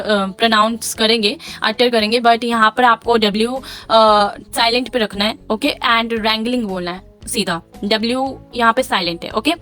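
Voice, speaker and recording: A young Indian woman teaching English vocabulary, repeating each word slowly and mixing in Hindi explanations. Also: sits high, fairly bright tone. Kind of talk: slow dictation-style vocabulary lesson.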